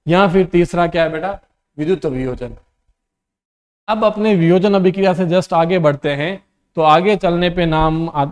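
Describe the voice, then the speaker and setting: A man's voice: on the high side, darkish tone. A male teacher with a Rajasthani Hindi accent, giving a classroom lecture that dictates definitions. He keeps asking questions, repeats the answers himself and calls the students "beta".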